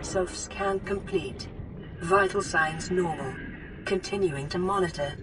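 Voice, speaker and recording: A woman voicing a calm female onboard computer assistant, with a gentle synthetic voice giving even, soothing status announcements in a game. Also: fairly low pitch, takes it slowly. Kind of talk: game voice prompts. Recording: distant voice under loud game music.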